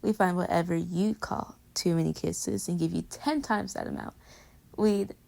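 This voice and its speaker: The woman here speaks at a moderate pace with a fairly low, steady, slightly mellow voice marked by vocal fry. Playing a clingy young girlfriend in pillow-talk roleplay, she's playful, teasing and affectionate, rambling between murmurs and exclamations.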